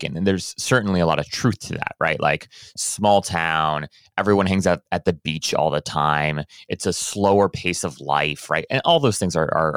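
A man in his thirties from Hawaii, a guest chatting casually and relaxed, talking from a small closet home studio. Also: low-pitched, clean tone, no echo. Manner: relaxed, chatty, many fillers and restarts. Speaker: guest, business owner. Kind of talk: casual conversational interview.

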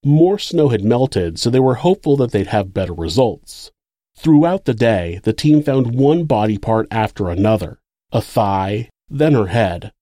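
A man's voice: on the low side, animated, measured pace, mellow, dry recording, clean studio sound. A man with an American accent reading scripted true crime narration as the narrator of the case.

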